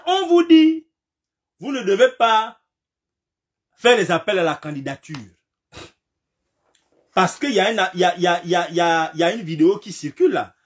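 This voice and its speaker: Speaking with a touch of a cold, a fairly high-voiced man delivers heated political commentary. Emphatic and repetitive, he fires off rhetorical questions, his pitch lurching up and down until he is sometimes shouting.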